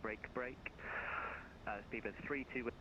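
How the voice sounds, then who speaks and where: A man's voice: medium pitch, fairly even intonation. Man controlling traffic, mic cutting in and out. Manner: brisk, routine, fumbles briefly when searching. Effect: mic keeps cutting out, uneven volume. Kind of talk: clipped radio phraseology. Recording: lo-fi noisy radio line.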